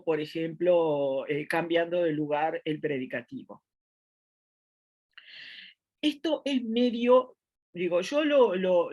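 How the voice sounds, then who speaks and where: Halting Uruguayan woman teaching grammar. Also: lowish voice, a little mellow. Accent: Uruguayan Spanish. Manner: thinking aloud with many fillers and restarts. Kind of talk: online grammar lecture. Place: at home, seated in a chair.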